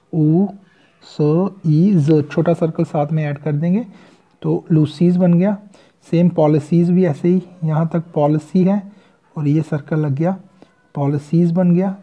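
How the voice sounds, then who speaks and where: Slow, very dark-voiced shorthand teacher. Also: medium pitch. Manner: patient step-by-step explaining, spelling words out sound by sound. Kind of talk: recorded lesson.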